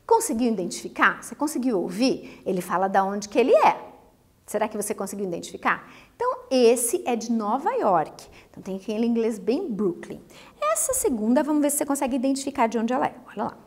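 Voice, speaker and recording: High, lively woman teaching. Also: fairly quick, husky. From Brazil. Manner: lively, asks the students questions. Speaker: English teacher. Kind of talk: recorded lesson for students.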